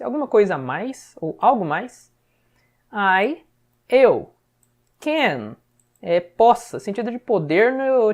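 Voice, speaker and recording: A woman with a Brazilian Portuguese accent giving a casual English lesson, chatty and often checking understanding with a quick question. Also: mid-range voice, darkish tone. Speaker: English teacher.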